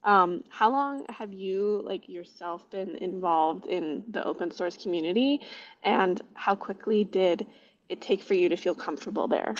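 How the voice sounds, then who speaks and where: A woman's voice: mid-range voice, a little slow. A woman moderating a casual Q&A over a video call with a bad, patchy internet connection. She talks in a chatty way, with many ums and likes. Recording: dull lo-fi call audio with faint noise.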